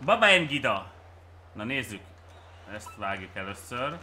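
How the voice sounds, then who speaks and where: A Hungarian man streaming a game with viewers, cheering and shouting at plays and then muttering to himself. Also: mid-range voice, big pitch swings, noisy background. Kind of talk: excited live game commentary.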